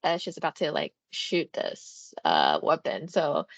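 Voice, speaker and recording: A woman's voice: deep voice, sing-song, measured pace, vocal fry, no room sound. A woman co-hosting a casual video chat, talking loosely with many fillers. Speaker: co-host, comics sales.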